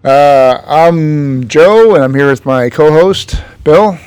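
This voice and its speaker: A man's voice: fairly high pitch, slow pace, a little mellow, clean tone, no echo. A man hosting a podcast in loose, joking casual chat, swearing now and then. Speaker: podcast host.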